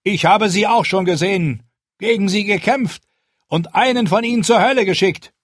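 A man voicing a stern young male commander who gives a forceful, rallying speech in an audiobook. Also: high-pitched, normal speed, no echo, clean studio sound, pitched above the performer's own voice. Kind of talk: audiobook character voice.

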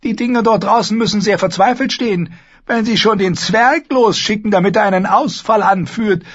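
A cold, imperious queen from a spoken storybook, voiced by a man pitched well above his own voice. She snaps out orders in a sharp, scornful tone, with a husky edge. The recording sounds a little dull and lo-fi. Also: moderate pace. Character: cold, commanding queen, a grown woman. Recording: slightly dull lo-fi audio.

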